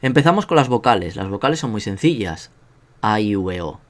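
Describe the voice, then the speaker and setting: A language teacher with a Spanish accent from Spain speaks briskly in a lowish, animated voice. His casual online lesson mixes self-deprecating jokes with sounds drilled aloud.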